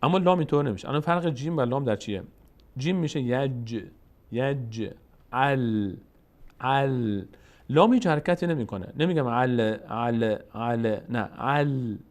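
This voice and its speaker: Male recitation teacher, drawn-out chanting broken by brisk explanation. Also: mid-range voice, animated, a little mellow. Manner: alternates drawn-out chanted syllables with quick spoken explanations. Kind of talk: tajweed lesson, spelling out and chanting verses slowly.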